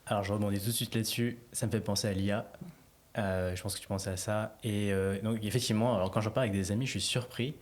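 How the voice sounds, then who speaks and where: Fast-talking French man, casual podcast host. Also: fairly low pitch, fairly even intonation. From France. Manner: casual, hesitant, many fillers and restarts. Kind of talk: podcast interview conversation.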